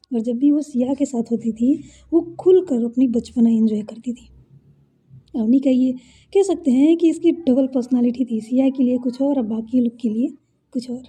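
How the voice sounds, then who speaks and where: Female storyteller, casual serial narration; very husky, dark and mellow. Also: sits high. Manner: conversational, warm-hearted retelling with asides.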